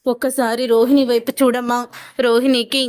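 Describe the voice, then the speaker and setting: A woman's voice: fairly high pitch, little pitch movement, moderate pace, darkish tone, natural voice. A woman reading the lines of a frightened, timid young husband in a retold family drama, in a pleading, fearful way. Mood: scared.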